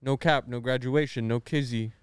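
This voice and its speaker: A man's voice: mid-range voice, fairly even intonation, moderate pace, smooth, no room sound, studio quality. A young man with a lisp that slurs his s sounds, bantering casually as a podcast co-host.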